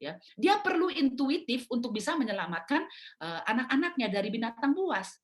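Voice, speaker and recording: A middle-aged woman giving a storytelling talk at a mothers' prayer meeting over a video call, lively and acting out family quarrels. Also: on the high side, normal speed.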